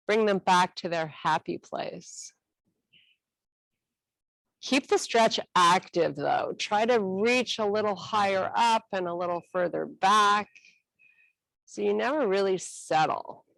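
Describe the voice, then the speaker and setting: A woman instructor guiding a stretching class with calm, encouraging cues. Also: medium pitch, vocal fry, dry recording, rough recording. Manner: calm, encouraging cueing with a slow, unhurried delivery.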